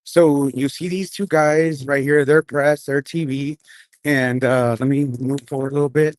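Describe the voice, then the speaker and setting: An independent journalist hosts a livestream outdoors on a city street at night, mixing loose commentary with casual interviews. His mid-range voice is steady and measured, with no echo, though missing front teeth make his rambling speech slurred.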